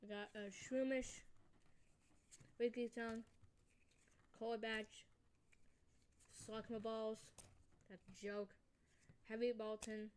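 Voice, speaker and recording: A woman hosts a casual card-opening vlog, speaking slowly and haltingly. She fills gaps with frequent ums as she reads out names one by one. Faint clicks sit in the background. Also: on the high side, little pitch movement, a little mellow, slight background noise. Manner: hesitant, halting, many ums while reading card names. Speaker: channel host.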